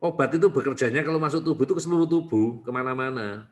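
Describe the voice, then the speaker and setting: In a clinic, a male doctor with a mid-range voice and quick pace answers parents' questions during an online consultation. He is lively, talkative and teasing, often ending his sentences with a questioning "ya".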